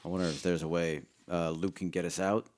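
A man's voice: deep voice, level tone, brisk, a little mellow. A man playing a tabletop role-playing game, talking casually with the others. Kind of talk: casual chat during a game.

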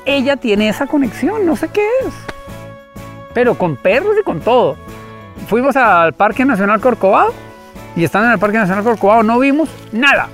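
Animated man telling rescue stories. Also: very high voice, moderate pace, faint music behind. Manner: expressive, acts out shouts and voices. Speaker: animal rescuer, interview guest. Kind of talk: animated storytelling.

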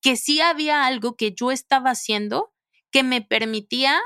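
A woman's voice: high voice, normal speed, clean tone, no room sound, studio quality. Chatty woman telling a story. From Mexico. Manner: chatty and expressive, fond of filler phrases. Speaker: podcast host. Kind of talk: personal storytelling monologue.

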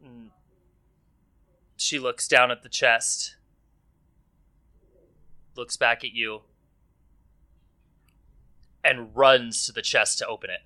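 A male game master narrates a tabletop game in an unhurried, loose way and often stops with an um. His voice is bright and clear. The pace stays slow throughout. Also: mid-range voice, fairly even intonation. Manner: loose, hesitant narration full of ums.

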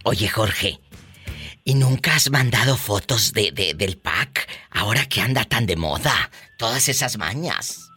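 A man's voice: on the low side, animated, unhurried, pushed and bright, breathy edge, soft background music. A man with a Mexican accent hosting a radio call-in show, campy and teasing, laughing often. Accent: Mexican Spanish. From Mexico, Tamaulipas. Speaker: radio host. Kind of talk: flamboyant radio call-in banter.

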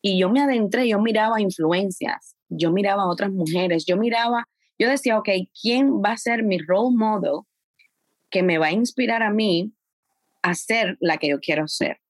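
A woman guest on a podcast, telling her story in a lively, conversational way. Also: mid-range voice, normal speed, no room sound. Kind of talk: casual conversation.

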